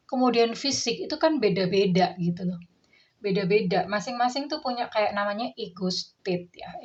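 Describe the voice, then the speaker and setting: A woman tarot reader and coach giving casual, gently instructive guidance to her viewers, with lots of fillers. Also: medium pitch. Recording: dull lo-fi audio.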